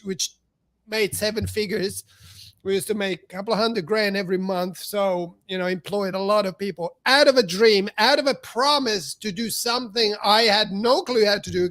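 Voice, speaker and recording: High-voiced chatty man telling a story. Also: fairly bright tone, no room sound. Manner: chatty, heavy on fillers, acts out quoted dialogue. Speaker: podcast host. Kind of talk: casual storytelling chat.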